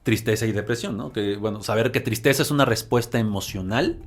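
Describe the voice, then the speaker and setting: A man co-hosting a podcast, calmly explaining a distinction to listeners. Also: on the low side, brisk. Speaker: podcast co-host.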